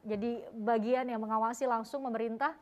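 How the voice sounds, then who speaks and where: A woman hosting a TV talk show, brisk and interjecting with short prompts. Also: a little high, steady tone.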